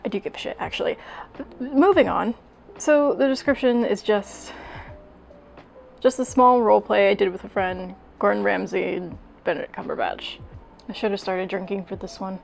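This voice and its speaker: A woman's voice: medium pitch, moderate pace, vocal fry, soft background music, poor audio. A young adult woman doing a comedic reading of fanfiction, self-deprecating, sweary and exasperated as she reads aloud. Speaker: YouTuber.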